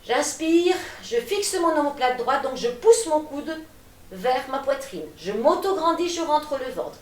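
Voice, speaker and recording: A high-voiced woman leads a gentle gym class. She calmly cues each inhale and exhale while demonstrating the moves. Her voice sounds echoey and a bit distant from the mic. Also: a little slow. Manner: calm, cueing breaths, demonstrating as she talks. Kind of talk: guided exercise class.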